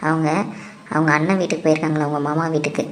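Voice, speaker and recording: A woman voicing a kind, reassuring young husband in a cartoon, speaking in a gentle, comforting way. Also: low-pitched, flat delivery, very fast, very noisy, natural voice. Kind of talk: cartoon voice acting. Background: music.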